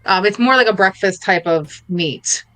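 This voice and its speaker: A woman's voice: medium pitch, normal speed, fairly bright tone. A woman with a Philadelphia and North Jersey accent, co-hosting a podcast in casual, enthusiastic chat and laughing often. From Philadelphia area. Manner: enthusiastic, laughs often, rambling food descriptions. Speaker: podcast co-host.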